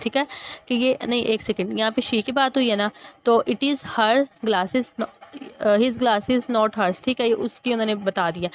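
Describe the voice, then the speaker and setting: A woman teacher explains English grammar patiently. She reads each English sentence slowly and then translates it. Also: on the high side. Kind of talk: classroom grammar lesson.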